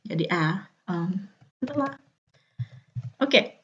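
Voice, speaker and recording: Casual tutor, young Indonesian woman, slow and hesitant delivery, muffled audio. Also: on the low side, animated, fairly bright tone. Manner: thinks aloud, many fillers. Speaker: language teacher. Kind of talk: casual language lesson. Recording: dull, muffled sound.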